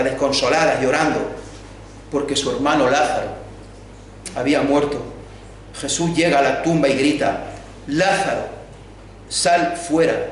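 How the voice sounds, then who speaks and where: A man preaching a sermon, lifting his high voice for quoted cries and then sinking to near whispers. He sounds distant from the mic, his words ringing through a large reverberant church hall. A faint hiss sits under everything. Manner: dramatic retelling, voicing quoted lines with rises and hushed drops. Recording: very echoey hall, from far off, faint hum.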